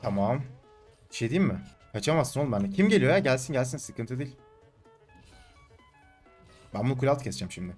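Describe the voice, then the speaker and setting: A young man casually commentating his own gameplay, taunting and yelling at the screen, then calming down to explain his moves. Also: mid-range voice, fairly quick, pauses often, soft background music. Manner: excitable, shouts and taunts at the game, swings between calm and loud.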